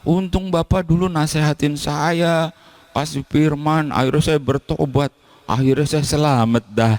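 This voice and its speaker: A man voicing a cheerful, grateful churchgoer who thanks his pastor, in a high, eager, chatty voice. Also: fairly even intonation, a little slow, a little mellow.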